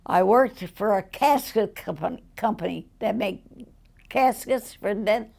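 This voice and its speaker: A very old woman, over a hundred, telling stories from her life in a rambling, colloquial way with a gravelly old voice. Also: mid-range voice, unhurried, darkish tone. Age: over 100, very old. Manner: rambling storyteller, acting out quoted dialogue in plain colloquial words. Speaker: interviewee. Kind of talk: casual autobiographical storytelling.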